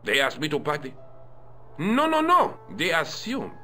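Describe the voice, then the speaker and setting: A man's voice: on the high side, big pitch swings, brisk, pushed and bright, faint music behind, exaggerated voice. A man voicing a haughty, self-important museum deputy custodian in a video game. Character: pompous fussy French male museum deputy custodian. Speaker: museum guard character.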